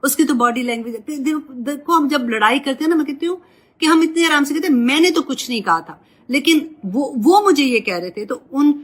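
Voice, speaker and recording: A woman Quran teacher giving gentle, motherly religious advice and mixing English words into her talk. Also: sits high.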